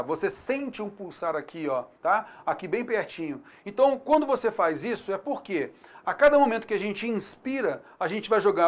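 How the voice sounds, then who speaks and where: Chatty Brazilian male teacher. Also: sits high. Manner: chatty, keeps checking in with the viewer; sounds out syllables and vowels slowly. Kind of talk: video lesson on phonetics.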